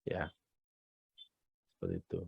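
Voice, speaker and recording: A man giving a live business coaching talk on selling, emphatic and animated, repeating his key points. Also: measured pace, no room sound, lo-fi sound.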